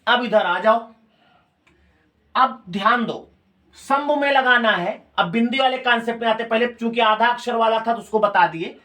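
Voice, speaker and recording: A man's voice: very high voice, moderate pace, pushed and bright. A male teacher with a Hindi accent of Uttar Pradesh, giving a classroom lecture. He repeats key phrases and keeps quizzing his students with questions.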